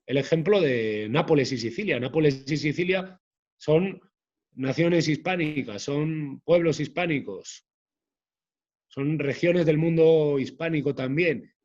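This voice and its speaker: A man, a guest author talking in an interview in a measured way, often restarting his phrases. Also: a little high, darkish tone, muffled recording. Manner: measured, hesitant with frequent restarts. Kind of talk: conversational interview.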